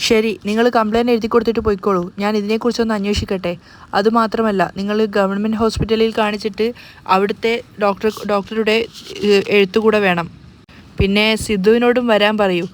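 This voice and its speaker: A woman voicing a stern female police officer in a serial recap, brisk and businesslike. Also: medium pitch, steady tone, lightly acted.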